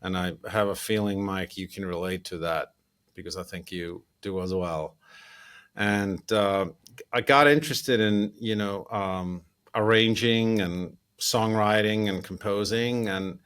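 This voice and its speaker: Guest composer, man in his 50s from Iceland, lower voice, easy and chatty. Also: clear, resonant tone. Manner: relaxed, chatty, laughs often, many fillers. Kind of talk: casual interview chat.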